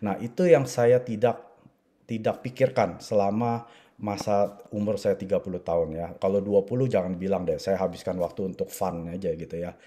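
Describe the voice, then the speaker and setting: Man in his forties telling his story, dark voice. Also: deep voice, fairly even intonation, moderate pace. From Indonesia. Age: 40s. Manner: conversational, frequent filler "ya" and "gitu". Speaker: network marketing speaker. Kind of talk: personal story talk to an audience.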